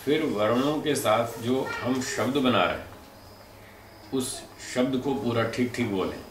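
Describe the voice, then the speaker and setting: A man giving a spoken lecture on speech and pronunciation, explaining in a measured way and demonstrating sounds aloud. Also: medium pitch. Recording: echoey room from a distant mic, faint noise.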